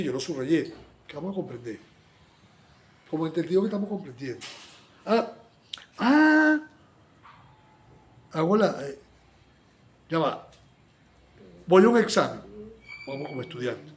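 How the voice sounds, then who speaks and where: Teaching from the Bible, this man with a voice on the high side plays out little conversations, his delivery shifting from soft asides to loud outbursts.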